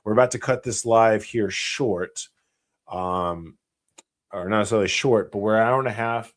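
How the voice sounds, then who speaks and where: A former special operations soldier from the United States hosts a live Q&A stream, speaking bluntly and rambling with heavy swearing. His voice is on the low side, at a moderate pace.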